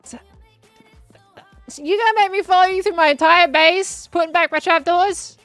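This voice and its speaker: A woman's voice: very high-pitched, moderate pace, a bit bright, dry recording, soft background music. A woman streaming a game, chatting casually in a playful, teasing way. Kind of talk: casual chat while gaming.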